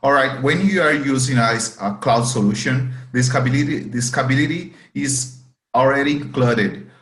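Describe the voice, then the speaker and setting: With a Portuguese-speaking accent, this student data engineer, a native Portuguese speaker, chooses his interview answers with care and repeats words while hunting for them. He speaks at a moderate pace in a fairly bright mid-range voice, and the recording sounds roomy.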